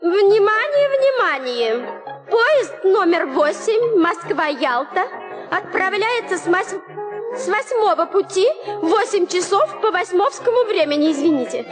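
A flustered train station announcer in a children's audio story, giving an official announcement in a very high, lively voice. She trips over her words and corrects herself in a stiff official tone. Music plays behind her. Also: measured pace, full character voice.

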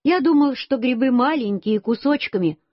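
A woman voicing a fretful, excitable young mother in a storybook reading. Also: sits high, normal speed, no echo, voice pushed up. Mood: anxious. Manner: anxious, exclaiming. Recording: dull lo-fi dry recording.

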